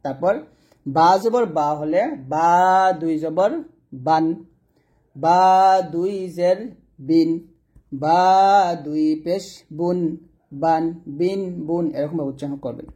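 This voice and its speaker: A man leads a Quran reading lesson in a soft, mellow voice. He breaks each letter sound into slow, careful syllables and repeats the drill patiently. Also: on the high side. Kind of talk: pronunciation lesson.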